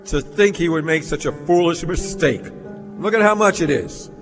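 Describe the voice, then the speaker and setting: A man's voice: on the high side, expressive, normal speed, close to an everyday voice. An actor playing a greedy, domineering businessman in a stage radio play, with a smug, cutting, commanding manner. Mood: gloating. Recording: reverberant theatre hall, music in recording.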